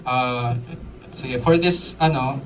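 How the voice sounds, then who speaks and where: A man's voice: mid-range voice, slow, fairly bright tone, slight background noise. Drum teacher quizzing his class. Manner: casual, asks the audience questions, code-switches with English terms. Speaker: drum instructor. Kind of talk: live drum workshop talk. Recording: voice distant from the mic, drums in the room.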